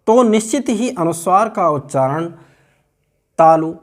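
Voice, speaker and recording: A man teaching Hindi grammar in a slow, deliberate way, repeating points to explain them. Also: high voice, animated. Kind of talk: explanatory lesson.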